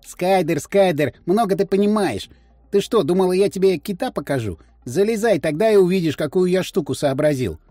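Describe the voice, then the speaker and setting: A man's voice: high-pitched, expressive, fairly quick, dark tone, no room sound, faint music behind. A man voicing a cocky, inventive schoolboy who talks brusquely and bosses his friend around in an audiobook. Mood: bossy. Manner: brusque, eager, bossy. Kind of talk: audiobook character voice.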